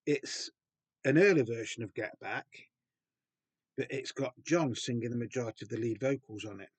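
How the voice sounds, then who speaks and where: A man's voice: medium pitch, moderate pace, slightly rough, no echo. A man, in his fifties or older, chatting casually about a record from his collection, with frequent ums and restarts. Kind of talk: casual show-and-tell.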